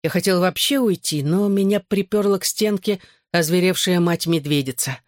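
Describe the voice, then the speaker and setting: An audiobook reader giving wry first-person narration in an even manner. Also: mid-range voice, normal speed, dry recording, studio quality.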